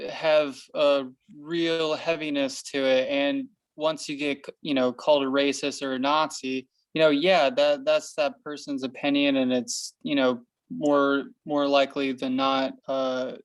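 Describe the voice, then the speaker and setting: A man who is an artist, speaking thoughtfully in a casual group discussion, halting with frequent ums. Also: mid-range voice, little pitch movement, dry recording, rough recording. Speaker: artist guest.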